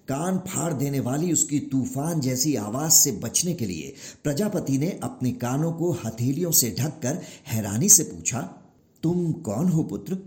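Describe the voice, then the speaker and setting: A man telling a mythological story in measured, expressive narration. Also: medium pitch.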